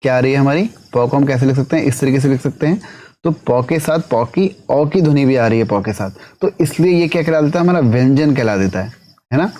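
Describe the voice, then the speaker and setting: A man's voice: mid-range voice, expressive, brisk, mellow. Man teaching an exam-prep lesson. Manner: asks the class questions and answers them himself; keeps adding tag question "है ना".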